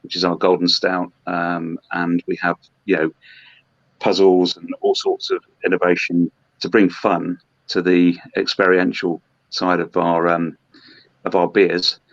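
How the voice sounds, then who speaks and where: Man, brewery rep, deep flat delivery, halting speech, dull lo-fi recording. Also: no room sound. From Hong Kong. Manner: hesitant, many ums and restarts. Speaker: brewery representative. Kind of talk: podcast interview. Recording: dull lo-fi dry sound.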